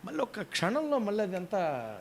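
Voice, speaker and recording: A middle-aged man preaching a sermon, swinging from loud emphasis to soft asides. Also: sits high, big pitch swings, a little fast. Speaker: pastor.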